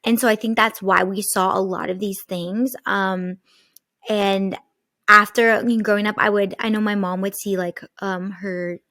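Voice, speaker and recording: A young woman co-hosts a podcast, spinning a personal story in loose, casual chat that is peppered with "like." Her voice sits at an ordinary middle pitch. It is recorded close and dry, with no room sound around it. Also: moderate pace, dry recording. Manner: animated storytelling, lots of "like" fillers. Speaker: podcast co-host.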